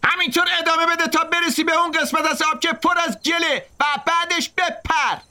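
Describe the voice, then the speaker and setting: A man voicing a cruel teenage boy bully who taunts and yells threats. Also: very high-pitched, steady tone, pitched above the performer's own voice, exaggerated voice. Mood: taunting. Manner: menacing, taunting, yelling.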